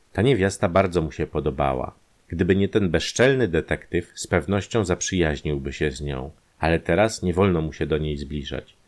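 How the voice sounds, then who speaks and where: A man reads a short crime story aloud in calm, measured scripted narration. His voice sits very low, deep and steady.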